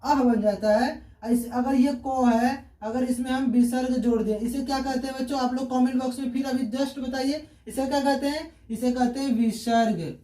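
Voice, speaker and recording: A man's voice: very high voice, fairly even intonation, normal speed, hardly any pauses, dark tone. A male teacher, giving an online grammar lesson. He asks questions and answers them himself, repeating key terms. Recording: roomy echo, distant from the mic.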